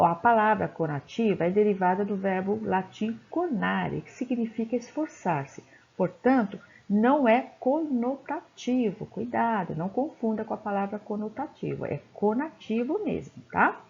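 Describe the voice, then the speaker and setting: Gravelly, warm-voiced woman teaching. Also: mid-range voice, expressive, measured pace. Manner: explanatory, checks in with "tá?" and "né?". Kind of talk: classroom lecture. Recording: dull, lo-fi recording.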